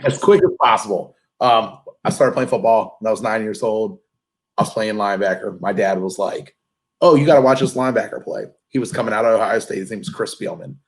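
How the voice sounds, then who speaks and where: A man's voice: fairly low pitch, fairly even intonation, fairly quick, poor audio. A man from Maryland who is a guest on a podcast, telling a story in plain, matter-of-fact casual chat.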